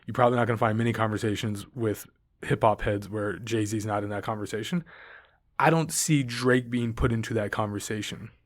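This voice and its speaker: A man's voice: on the low side, a little fast. A man in his thirties hosting a podcast, giving casual, opinionated and rambling thoughts on a book he just finished. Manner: opinionated, rambling, dismissive asides. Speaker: podcast host. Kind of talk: casual solo book review.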